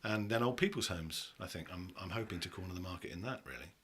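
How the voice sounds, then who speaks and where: A man's voice: sits low, fast talker, slightly rough. A man from England who works as a voice-over actor and audiobook narrator, chatting casually and telling self-mocking stories. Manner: animated storyteller, self-mocking, laughs often. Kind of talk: casual chat.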